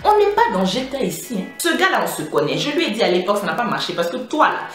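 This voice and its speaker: Sassy woman telling a storytime, animated pitch. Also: fast, echoey room. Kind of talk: casual storytime monologue.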